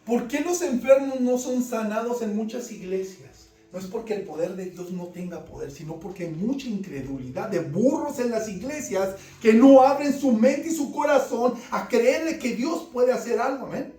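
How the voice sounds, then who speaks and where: A man preaching a fervent sermon, swinging between loud emphasis and quiet asides. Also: very high voice, lively intonation, normal speed, hardly any pauses. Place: church service. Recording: roomy church sound from a distant mic, faint music behind.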